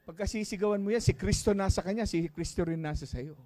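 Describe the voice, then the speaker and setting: A man preaching a sermon as pastor of a church, calling out to the congregation and shouting praise. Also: high-pitched, quick pace. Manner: preaching with call-and-response and shouts.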